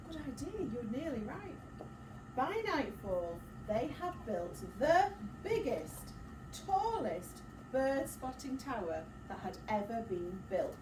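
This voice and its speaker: Slow and high-voiced, a woman teacher reads a picture book aloud to children. She brings it to life with expressive delivery and dramatic gasps, breaking off for encouraging questions and asides. The recording is roomy, with a distant mic and clear background noise.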